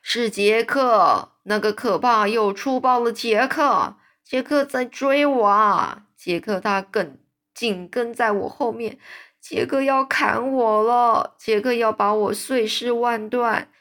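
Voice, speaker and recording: Storybook figure: woman reading, doing a terrified monster giant, high and yelling, panicked pleas. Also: slow. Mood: panicked pleading. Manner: screaming, begging, panicked. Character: huge man-eating male giant in a nightmare. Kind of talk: storybook read-aloud.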